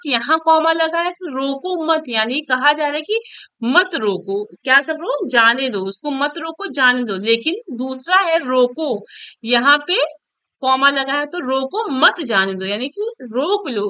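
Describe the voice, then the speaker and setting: A woman teacher with a high, pushed, bright voice gives an online exam-prep lesson, explaining step by step and checking in often. She writes and erases on a board as she talks, and the recording has no room sound.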